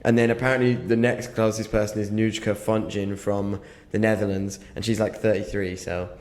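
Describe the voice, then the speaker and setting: A man's voice: fairly low pitch, flat delivery, normal speed, darkish tone. Brief: British man, casual podcast co-host, hesitant and chuckling, roomy sound. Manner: laid-back, hesitant with ums and self-mocking laughs. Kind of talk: casual chat. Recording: echoey room.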